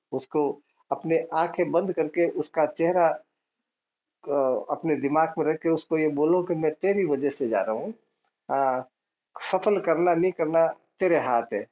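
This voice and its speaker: A male spiritual teacher speaks in a slightly high voice, explaining each point patiently and going over it again. Now and then he chants short mantras in the middle of his talk. The recording sounds dull and lo-fi. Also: warm tone. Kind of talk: devotional teaching.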